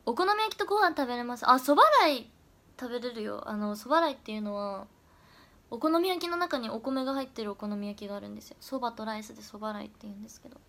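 Young woman, high bright voice, casual livestream chat, answers comments, slips into soft whispers, webcam mic. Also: lively intonation, very fast. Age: young adult. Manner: chatty, often dropping into soft whispers. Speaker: idol trainee livestreamer.

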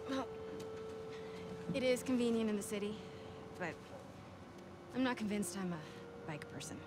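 A woman's voice: mid-range voice, animated, measured pace, natural voice. An actress playing a determined young female newspaper reporter in naturalistic video game dialogue. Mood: wry. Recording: game audio with noisy ambience behind.

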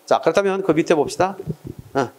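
A man's voice: on the high side, a little fast, a little mellow. A man teaching an exam prep lecture, often stopping to ask his students check questions and switching between casual and polite speech. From South Korea. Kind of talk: classroom lecture.

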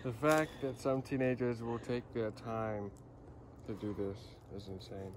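A man on a hike, making unhurried, mildly disapproving remarks in casual chat, outdoors away from the camera. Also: medium pitch, steady tone. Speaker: hiking companion. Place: outdoors on a wooded trail. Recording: distant from the mic, outdoor noise.

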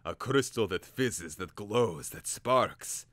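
A man's voice: on the low side, lively intonation, slow, fairly bright tone, dry recording. A man doing a grave, declaiming old professor. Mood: solemn. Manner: solemn, declaiming.

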